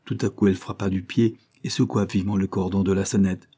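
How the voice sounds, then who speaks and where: Male narrator, measured audiobook reading, mellow and slightly husky. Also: low-pitched, level tone.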